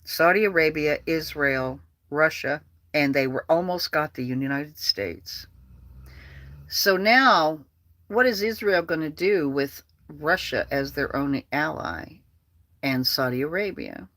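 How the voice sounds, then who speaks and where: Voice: medium pitch, lively intonation, slow pace, bright, forceful tone, no room sound. A vlogger delivering an angry political rant, heated, profane and repetitive.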